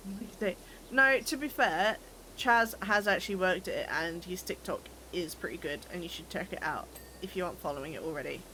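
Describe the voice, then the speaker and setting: A woman's voice: fairly low pitch, fairly quick, sharp tone, a little hiss or hum. Chatty British woman streamer, teasing. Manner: chatty, teasing, laughs often, stumbles and repeats words. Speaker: game streamer. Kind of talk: casual chat while gaming, reading chat.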